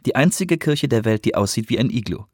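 A man's voice: mid-range voice, animated, fairly quick, breathy edge, no echo, studio quality. A man putting on a chatty, cheerful woman clerk. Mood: friendly chatty. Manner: cheerful, talkative.

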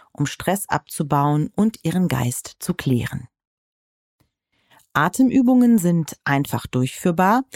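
A woman giving calm, measured, soothing scripted narration as a guide to relaxation exercises. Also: on the low side, no echo, clean studio sound.

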